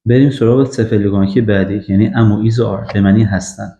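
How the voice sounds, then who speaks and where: A man giving an English grammar lesson, drilling example sentences slowly with frequent fillers. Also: on the low side, steady tone, warm tone. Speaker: English teacher. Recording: echoey, dull lo-fi room recording.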